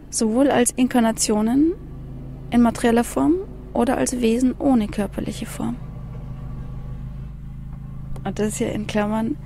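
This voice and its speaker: A woman reciting her own spiritual text in a slow, dreamy, incantatory way, often dropping into a gravelly whisper. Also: fairly high pitch, mellow, slight background noise. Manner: slow, dreamy, incantatory, mixing in English phrases.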